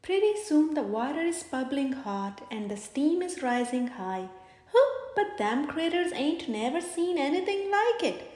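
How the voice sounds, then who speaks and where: A woman reading a bedtime story aloud in an animated, dramatic way. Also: sits high, unhurried. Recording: echoey room.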